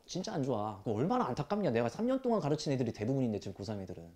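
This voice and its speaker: A man teaching math to high school students, scolding them bluntly with rough language and rhetorical questions. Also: huge pitch swings, racing, warm tone. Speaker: math tutor. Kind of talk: classroom lecture.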